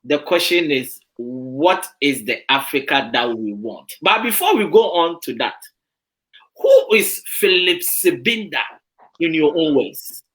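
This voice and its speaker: Lively bright-voiced talk show host. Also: medium pitch, unhurried. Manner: expressive, repeats words for emphasis. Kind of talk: online talk show hosting.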